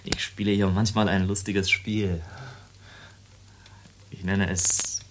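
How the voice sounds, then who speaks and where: A low, flat male voice plays a military radar operator in a German radio play, quietly brooding as he explains doomsday machinery in a casual, halting way. The background is noisy.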